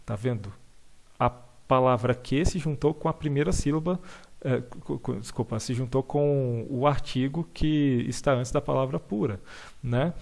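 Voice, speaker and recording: A male teacher explains a lesson over slides, patiently, with many fillers and checks like "tá bom?", and reads lines of verse aloud slowly. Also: mid-range voice, vocal fry, darkish tone.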